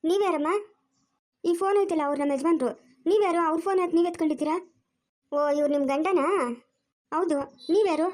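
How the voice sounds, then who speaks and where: Woman as an anxious young village wife: very high, fast, pleading, rural Karnataka Kannada accent. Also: a little mellow. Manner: pleading, tearful.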